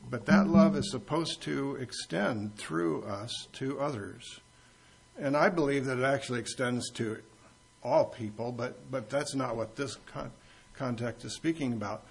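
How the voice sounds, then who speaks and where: A pastor preaches an expository sermon in a church, his medium-pitched voice a little slow, with vocal fry and a breathy edge. He keeps it conversational, joking with the congregation as he tells stories.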